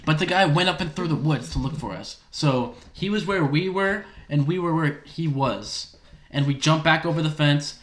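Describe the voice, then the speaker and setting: A young man co-hosting a casual podcast, excitedly retelling a story, swearing often and acting out his friends' lines. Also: on the high side, normal speed. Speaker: podcast co-host. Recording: roomy echo.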